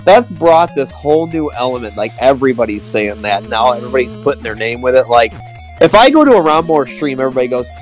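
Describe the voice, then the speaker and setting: A man's voice: mid-range voice, lively intonation, fast, faint music behind, rough recording. A man as a guest in a casual interview, friendly, laughing easily and often saying "man". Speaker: guest YouTuber.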